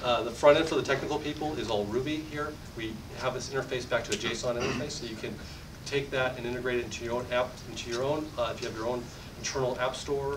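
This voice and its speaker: A man in his thirties giving a fast, enthusiastic product demo at a meetup podium, often restarting his sentences. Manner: fast, enthusiastic sales pitch with frequent restarts. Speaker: tech company presenter. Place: meetup conference room. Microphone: podium mic from far camera. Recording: distant roomy audio with rumble.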